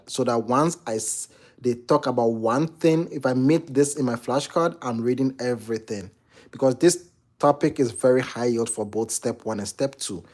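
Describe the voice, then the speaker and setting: A medical exam tutor, young and from Ghana, talks with a Ghanaian accent in a medium-pitched voice with a darkish tone. He works through viewer questions about exam study in a casual, chatty Q&A at home near a kitchen, often restarting and leaning on fillers.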